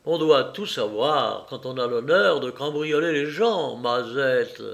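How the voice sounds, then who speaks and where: Guy reading as a bossy sarcastic gentleman thief, gravelly and slow, storybook style. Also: medium pitch, expressive, dull audio. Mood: sardonic. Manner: brisk, sardonic, bossy. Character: commanding, mocking gentleman burglar.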